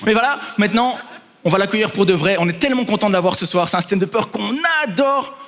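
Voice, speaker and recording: A man co-hosting a comedy gala on stage, bantering fast and bursting into excited shouts. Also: high voice, in a large hall. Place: large theater stage.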